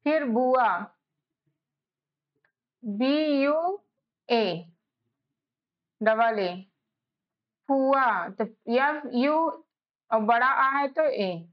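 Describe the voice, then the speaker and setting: A woman teaching a spelling lesson, spelling out letters one by one in a slow, patient way. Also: high voice, lively intonation. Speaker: English teacher. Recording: slightly dull lo-fi recording.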